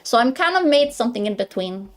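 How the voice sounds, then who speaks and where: This young Greek woman, Greek accent and all, speaks quickly in a sing-song, fairly high voice as she chats informally with her stream audience. She regularly fumbles her words along the way.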